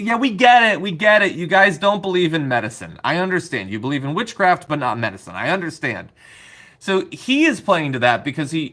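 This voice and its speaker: A man's voice: mid-range voice, pushed and bright. A man hosting a political show with casual, opinionated commentary, sarcastic and exasperated, swearing freely.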